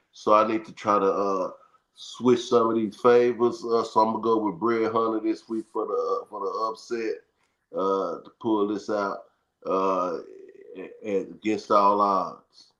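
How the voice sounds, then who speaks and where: A man co-hosting a live fantasy football stream, teasing and animated, stumbling over his words and talking to the audience. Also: on the low side, dull audio. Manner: animated, teasing, stumbles and repeats himself, addresses the audience as y'all. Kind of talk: casual live-stream banter.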